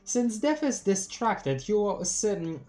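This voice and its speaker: On a live stream, a streamer from Poland with a light Polish accent reads a webcomic aloud in a relaxed, chatty manner. The mid-range voice takes things slowly yet sounds giggly and excitable, often tripping on long words, while faint music plays beneath.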